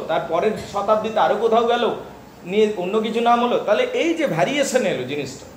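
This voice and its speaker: A man with a Bengali accent teaching English literature in a classroom lecture, often pausing to check that students follow. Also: high-pitched, reverberant, a little hiss or hum.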